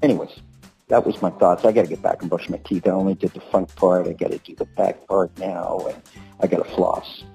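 A dad leaving a rambling, meandering voicemail for a friend in a folksy, wandering way. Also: male voice, low voice, steady tone, fairly quick, gravelly, warm tone, faint music behind, poor audio.

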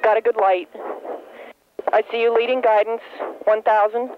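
A pilot calls out figures in a clipped, procedural way over a crackling space radio. The voice is thin and telephone-like, with clear static and noise around it. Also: mid-range voice, steady tone, moderate pace. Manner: terse, procedural. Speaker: shuttle pilot calling out altitudes and speeds. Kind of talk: clipped cockpit radio callouts on final approach. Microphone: aircraft headset. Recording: tinny, very noisy cockpit radio link.

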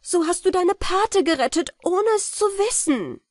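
Frau spricht eine gerührte, edle Gräfin. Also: female voice, fairly high pitch, moderate pace, no echo, clean studio sound, pitched above the performer's own voice. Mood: moved. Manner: formal old-fashioned speech, rising excitement. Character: grateful noble countess, warm and emotional.

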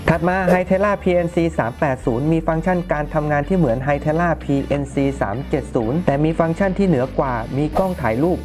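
A man delivers a scripted explainer as a product presenter. He speaks to camera, and music plays clearly behind his voice. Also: a little high, a little fast, few pauses, a little mellow. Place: small bright indoor showroom. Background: background music.

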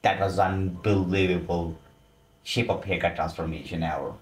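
Male commentator, casual voice-over, deep and unhurried, echoey room. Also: steady tone. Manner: exclaiming, loose informal phrasing. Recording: roomy echo.

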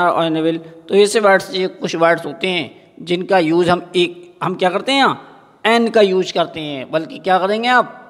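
In a classroom with echoey acoustics, a high-voiced male teacher runs a grammar lesson. He asks the students questions, supplies the answers himself, and says every example word again slowly.

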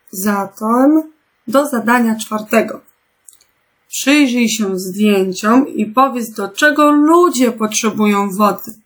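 A woman teacher speaks slowly and carefully to young children, spelling out each instruction. Her voice sits a little high. She keeps turning to her pupils with gentle questions. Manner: slow, patient, clearly articulated instructions. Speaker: primary school teacher. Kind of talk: remote lesson for young children.

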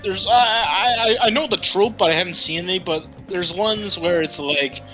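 A man's voice: high-pitched, moderate pace, pushed and bright, faint music behind. A young man co-hosting a let's play, teasing and cracking crude jokes in casual gaming chat.

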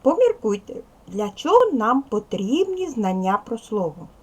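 Speaking unhurriedly in a high-ish, sing-song, slightly mellow voice, a teacher walks young schoolchildren through a recorded second-grade lesson. She counts aloud, stays patient, and treats the pupils as little children; the sound is slightly rough.

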